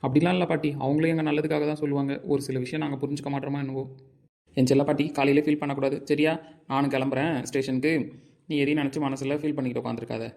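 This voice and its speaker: A man's voice: medium pitch, little pitch movement, vocal fry, darkish tone, close to an everyday voice. A man playing a young police officer grandson in an amateur audio drama, speaking in a reassuring way. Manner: reassuring, fast-talking.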